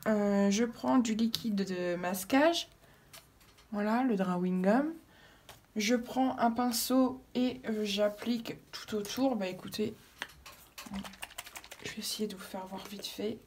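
Speaking at a slow pace in a medium-pitched, darkish voice, a woman explains a craft technique while working at home. She's a craft tutorial vlogger giving a casual demonstration, her daughter nearby, and she often hesitates, using fillers and restarting.

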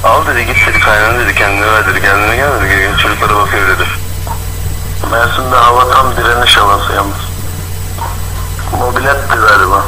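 A man's voice: fairly low pitch, steady tone, brisk, background noise. A man bantering and teasing in a group chat over a walkie-talkie radio. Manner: joking, teasing.

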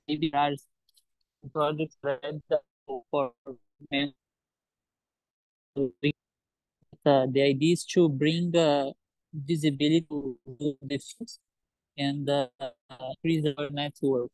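A man's voice: a little high, fairly even intonation, slow, long pauses, darkish tone, dry recording, poor audio. A man presenting in an online meeting, speaking hesitantly with many fillers while his audio cuts in and out at uneven volume. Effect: audio cutting in and out, uneven volume. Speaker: student chapter member presenting.

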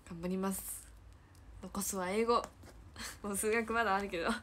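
A woman's voice: mid-range voice, fairly even intonation, normal speed, fairly bright tone, a little hiss or hum. A teenage girl with a Kansai accent chatting casually on a livestream, giggling often and repeating her own phrases as she reads viewer comments. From Hyogo, Japan. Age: teens. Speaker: idol trainee livestreamer.

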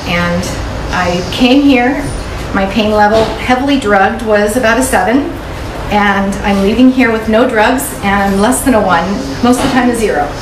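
An older woman speaks earnestly about her recovery, at times halting with emotion. She is recorded by a phone camera from a few steps away in an echoing waiting room. Noise hums underneath her voice. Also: mid-range voice. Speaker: patient. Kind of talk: testimonial speech. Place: clinic waiting room, indoors. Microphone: far phone camera. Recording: roomy, distant, noisy.

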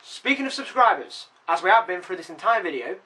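A man's voice: sits high, big pitch swings, fairly quick, pushed and bright, distant mic, rough recording. A man chatting playfully in a casual comedy vlog, teasing his friend. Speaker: vlogger.

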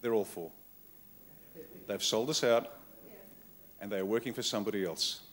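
A man's voice: on the low side, normal speed. Blunt Australian man giving a keynote. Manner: blunt, wry, punchy short phrases. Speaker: conference keynote speaker. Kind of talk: political keynote speech. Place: conference hall with live audience.

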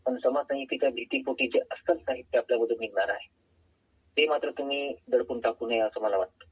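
A man calling in to a radio phone-in program as an author and poet, speaking over a phone line in a measured, earnest way. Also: medium pitch, slightly rough. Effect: heard over a phone line. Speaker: author and poet, guest caller. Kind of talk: phone-in interview answers.

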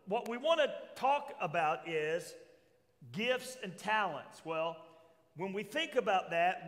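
A man's voice: high voice, fairly bright tone. Older male preacher in a reverberant hall. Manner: preaching, asks the congregation questions, reads scripture aloud. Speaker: pastor. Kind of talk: sermon. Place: church hall with a stage, congregation present.

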